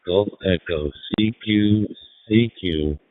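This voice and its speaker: A low-voiced man works the ham radio bands. He speaks slowly and formally and reads out call signs with care. His voice comes through static and a narrow, phone-like radio channel, and it is dry and close. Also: no echo. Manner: slow, measured, formal call-sign delivery. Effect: heard over ham radio with static. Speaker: amateur radio operator. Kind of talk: radio contact exchange.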